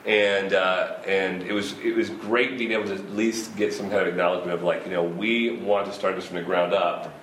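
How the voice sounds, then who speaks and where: Man in his fifties, festival organizer, rambling casual talk, laughs a lot, lowish voice, echoey room. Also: little pitch movement, brisk, hardly any pauses, fairly bright tone. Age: 50s. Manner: rambling, laughs often, frequent restarts. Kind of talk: casual interview chat. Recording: roomy echo with faint ambient noise.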